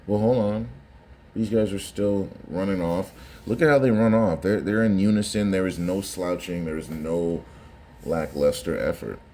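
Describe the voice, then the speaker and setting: A man's voice: sits low, moderate pace, mellow, slight background noise. A man giving casual, conversational reaction commentary on sports footage, often repeating phrases for emphasis.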